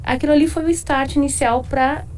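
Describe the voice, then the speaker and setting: A woman's voice: high-pitched, steady tone, moderate pace, a little mellow. A woman from Porto Alegre with a southern Brazilian accent, a guest author explaining her faith in a radio studio interview, often adding tag questions. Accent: Brazilian Portuguese, Porto Alegre.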